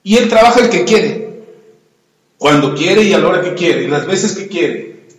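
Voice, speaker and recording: A pastor preaching a sermon and telling stories, often putting questions to the congregation. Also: male voice, sits high, lively intonation, normal speed. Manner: storytelling, asks the congregation questions. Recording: echoey hall, long reverb.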